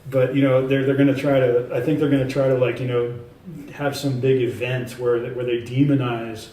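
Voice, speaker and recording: A man's voice: medium pitch, flat delivery, fairly quick, dark tone, a little hiss or hum. A man speaking as an author and guest in a casual in-person interview, rambling through many fillers and restarts in an emphatic, self-assured way. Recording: echoey room, speaker far from mic, faint ambience.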